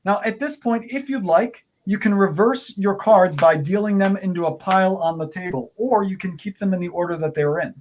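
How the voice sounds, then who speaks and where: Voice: mid-range voice, brisk, few pauses, darkish tone, a little hiss or hum. Magician doing kids party style patter, playful, walking everyone through it step by step, mid-range voice. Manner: repeats step-by-step instructions. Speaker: magician leading a card trick. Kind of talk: interactive magic show patter for an online audience.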